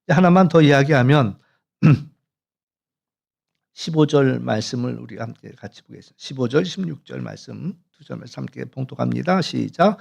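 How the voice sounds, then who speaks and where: A man preaching in a church as its pastor, with a gravelly, rough-edged voice at an ordinary pitch. He tells stories in a relaxed, conversational way and clears his throat now and then. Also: normal speed. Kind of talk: sermon with storytelling. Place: church sanctuary.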